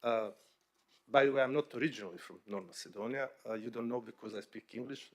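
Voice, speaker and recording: A man from Bosnia, a bank executive sitting on a conference panel, speaks English at a middle pitch. He talks conversationally but haltingly, often restarting and using fillers.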